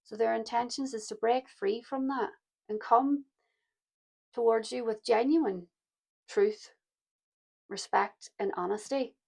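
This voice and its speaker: Croaky gravelly-voiced woman. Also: fairly high pitch, takes it slowly, long pauses. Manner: soft-spoken, reflective, addresses listeners as "my loves". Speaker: tarot reader. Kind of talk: pick-a-card tarot reading to camera.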